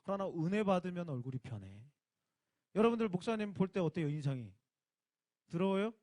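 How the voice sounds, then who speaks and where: A man's voice: high voice, big pitch swings, brisk, a little mellow, dry recording. A male youth pastor giving a casual sermon to teenagers, talking informally and directly with emphatic rising bursts.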